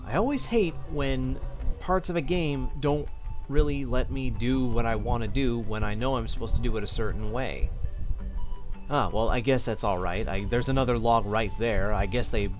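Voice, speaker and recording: A man giving casual let's play commentary, thinking out loud tentatively as he plays. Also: medium pitch, normal speed, faint music behind. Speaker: gaming video host.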